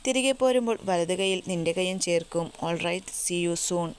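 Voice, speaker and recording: A woman voicing a young man in love who speaks in a hushed, tender way. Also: sits high, normal speed, slight background noise, natural voice.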